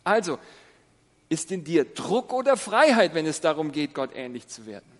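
A middle-aged man delivers a sermon in a fairly high voice, earnest and exhorting. He presses his listeners with rhetorical questions and answers them himself. His voice rings with the long reverb of a large hall. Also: sing-song, normal speed. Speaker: preacher.

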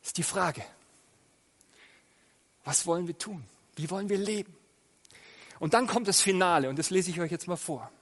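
Male preacher, slightly high voice, questioning and emphatic, long church-hall reverb. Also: normal speed, long pauses. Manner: asks the listeners many direct questions; swells loud on key phrases, drops soft in prayer. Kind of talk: sermon with prayer.

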